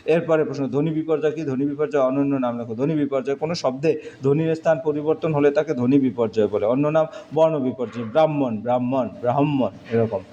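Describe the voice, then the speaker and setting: A man's voice: medium pitch, fast, warm tone. A male teacher, walking through exam answers in short, clipped phrases. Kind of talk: exam answer walkthrough lesson. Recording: dull lo-fi recording with faint noise.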